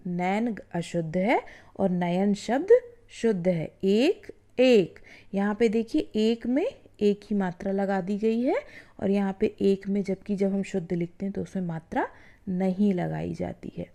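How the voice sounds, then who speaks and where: A woman teacher walks schoolchildren through common spelling errors, slowly drawing out each example word and pausing to check they follow. Her voice is mellow and warm, at a middle pitch. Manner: drawn-out demonstration of words, frequent "है ना" and "ठीक है"; addresses the students directly as children. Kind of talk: classroom lesson explaining spelling errors.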